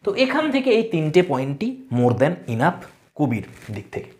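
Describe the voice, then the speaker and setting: A woman's voice: deep voice, big pitch swings, normal speed, darkish tone. A woman teaching English poetry for exams, explaining step by step and counting syllables aloud for her students. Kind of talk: exam-prep poem analysis lesson.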